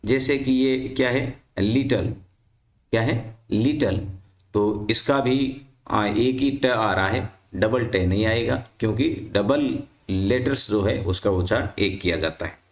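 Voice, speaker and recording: A man's voice: lowish voice, unhurried. Man teaching in an echoey room. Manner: repeats questions to the class and answers them himself. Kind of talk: explaining English reading rules to students.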